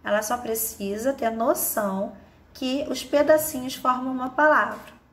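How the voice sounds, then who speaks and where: Patient woman teaching an online lesson. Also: high-pitched. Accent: Brazilian Portuguese. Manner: patient, explains step by step with many "né?" and "tá?"; stretches out example words slowly. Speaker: teacher of a course.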